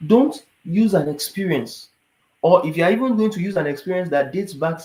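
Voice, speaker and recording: A man, slightly high-pitched, talks viewers through immigration requirements in an animated, rhetorical way. He keeps checking that they understand. He sounds tired, and his voice echoes around the room. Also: normal speed. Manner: animated, asks rhetorical questions, repeats "do you understand". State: tired, yawning. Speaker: immigration advisor. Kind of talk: casual explainer talk to viewers.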